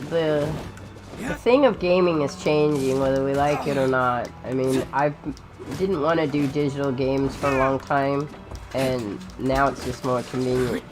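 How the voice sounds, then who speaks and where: A casual game streamer with a medium-pitched voice talks through gameplay. The delivery is informal and rambling, with game music clearly behind it. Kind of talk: casual gameplay commentary and chat.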